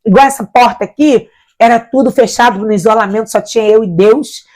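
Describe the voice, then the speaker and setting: Woman telling a lively faith testimony. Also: fairly high pitch, fairly quick. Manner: animated storyteller acting out quoted voices. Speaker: missionary guest.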